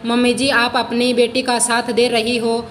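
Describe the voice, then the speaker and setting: A woman voicing a sharp-tongued daughter-in-law. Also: a little high, monotone, unhurried, in a large hall, slight background noise, lightly acted. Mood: scolding. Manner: sharp, scolding. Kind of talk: storybook role reading.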